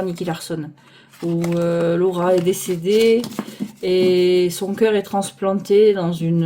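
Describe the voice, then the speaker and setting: Filmed on a phone clipped to a holder arm, this woman reviews tarot decks casually, wandering off topic and stopping to search aloud for names. Her voice is on the low side and warm.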